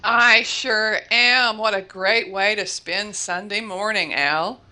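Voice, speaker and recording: A woman from Florida, a guest mindset coach, telling a lively story in an interview and correcting herself as she goes. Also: mid-range voice, slow pace. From Florida, USA. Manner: lively storyteller, self-correcting, laughs often.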